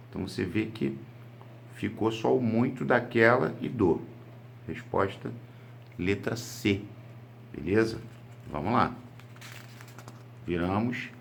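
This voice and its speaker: A man's voice: lowish voice, creaky, a bit bright, a little hiss or hum. A Brazilian man teaching a grammar lesson for exam prep, explaining step by step and answering his own rhetorical questions. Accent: Brazilian Portuguese.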